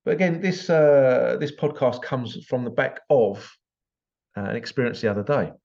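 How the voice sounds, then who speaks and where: British male podcast host, exasperated and blunt, medium pitch, lo-fi recording. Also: normal speed, vocal fry, darkish tone. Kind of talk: solo podcast monologue. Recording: slightly dull lo-fi recording.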